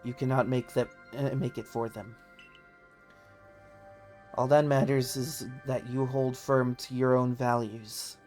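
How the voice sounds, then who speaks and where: A streamer doing a deep, grave officer. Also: little pitch movement, measured pace, pauses often, a little mellow, faint music behind, lightly acted. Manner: formal and grave. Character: stern commanding officer of a survey corps. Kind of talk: reading game dialogue aloud in character.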